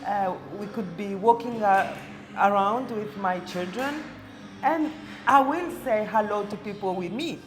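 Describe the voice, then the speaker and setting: A woman, born in Congo, speaking calmly and reflectively as an interview guest in a coffee shop. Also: medium pitch, unhurried, soft background music. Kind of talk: casual interview.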